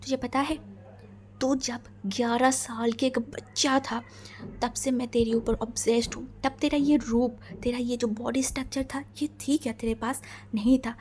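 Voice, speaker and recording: A woman voicing an obsessive, possessive young husband who speaks in an intense, hushed, menacing way. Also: sits high, expressive, moderate pace. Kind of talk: fan fiction story reading.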